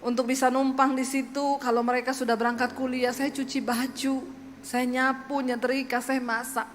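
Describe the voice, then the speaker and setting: Brief: high-pitched Sulawesi-accented woman preacher, lively storyteller, echoey hall. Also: normal speed, slight background noise. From Sulawesi, Indonesia. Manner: lively storytelling, mimicking voices. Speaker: preacher giving testimony. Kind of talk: sermon testimony.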